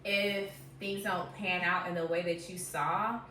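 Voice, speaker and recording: A woman in her thirties co-hosting a casual podcast chat, animated and playful, often saying "y'all" and "amen". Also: fairly low pitch, a little slow, a little hiss or hum. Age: 30s. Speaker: podcast co-host. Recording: echoey room, mic at a distance.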